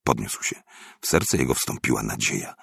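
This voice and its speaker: A man narrating a story aloud in a measured, expressive audiobook reading. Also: rumbling low, creaky, husky, no echo, studio quality.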